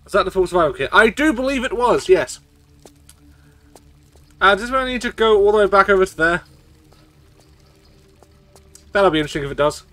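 A man's voice: high voice, expressive, fast talker, long pauses, a bit bright, dry recording, soft background music. A man streaming a video game, swearing and rambling as he gets tipsy from shots. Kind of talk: casual gameplay commentary.

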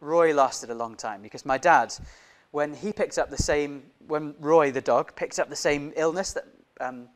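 A young man preaching a sermon in a church, who grew up in Indonesia, talking with lively gestures and asking many questions of the congregation. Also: on the high side, moderate pace. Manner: animated, gestures broadly, many rhetorical questions. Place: church hall, indoors. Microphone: lapel mic.

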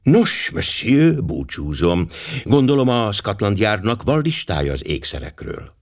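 A man reading an audiobook, voicing a grave, wealthy older millionaire who speaks in a measured, serious way. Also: fairly low pitch, very animated. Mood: troubled.

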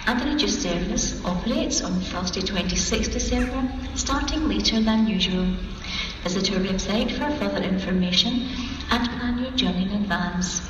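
A woman reading a scripted customer information announcement on a train platform over a public address loudspeaker. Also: medium pitch. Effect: station public address loudspeaker. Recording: dull, echoing, distant station PA, noisy. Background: clear background noise.

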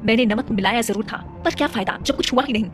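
Woman playing a jealous young royal woman, bitter, defensive, high voice, rapid. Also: natural voice. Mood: resentful.

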